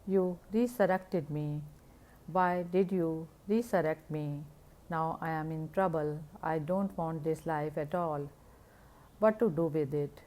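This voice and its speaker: A woman's voice: low-pitched, takes it slowly, dark tone. A woman reading the despairing, complaining lines of a man who did not want to be revived. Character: despairing man brought back to life.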